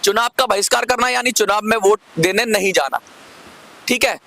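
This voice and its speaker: A man's voice: high-pitched, fast talker, vocal fry, bright, forceful tone. A man hosting a commentary video, arguing his case to viewers, repeating points for emphasis and urging them to comment. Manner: persuasive, asks viewers to comment. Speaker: channel host. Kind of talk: direct-to-camera commentary.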